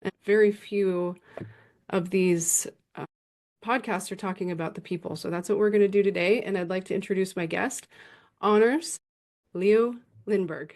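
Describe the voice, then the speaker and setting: A woman's voice: mid-range voice, steady tone, normal speed, a little mellow. A woman hosting a podcast interview, talking in a friendly, conversational way and asking open questions. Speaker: podcast host. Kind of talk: casual interview.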